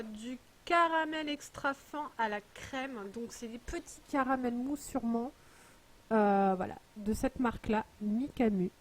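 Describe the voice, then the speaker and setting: A woman's voice: fairly high pitch, slight background noise. A woman vlogger chatting casually while unboxing a parcel, rambling and full of hesitations. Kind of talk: casual chat.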